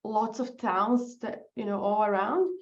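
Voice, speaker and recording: Woman, Brazilian Portuguese accent, casual interview, laughs easily, mid pitch, muffled audio. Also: a little slow. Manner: chatty, laughs often, searches for words. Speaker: guest, business founder.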